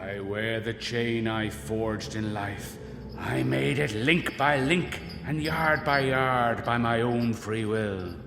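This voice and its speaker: A man playing the ghost of a dead old businessman in a radio play, speaking in slow, grave, booming pronouncements. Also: steady tone, vocal fry. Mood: solemn. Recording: echoey ghostly reverb with music.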